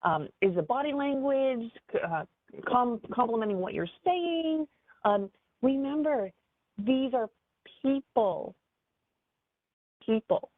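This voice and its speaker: A woman business advisor giving a webinar training in an animated, conversational way, with frequent fillers. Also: on the high side, a little slow, no echo. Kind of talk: webinar presentation. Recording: tinny phone-like dry audio.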